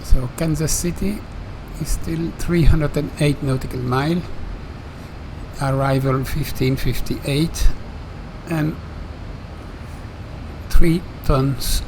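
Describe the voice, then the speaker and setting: Slow, halting male pilot over aircraft drone. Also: fairly high pitch, noisy background. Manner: halting, pauses mid-sentence. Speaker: flight simulator pilot narrating. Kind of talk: step-by-step flight commentary. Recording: steady aircraft drone behind voice.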